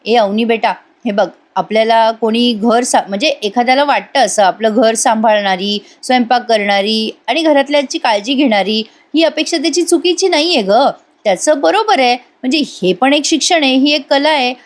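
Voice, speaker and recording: A woman voicing an older father who gently lectures his daughter, in a retold TV serial. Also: on the high side, normal speed, few pauses, lightly acted. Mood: coaxing. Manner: coaxing, lecturing.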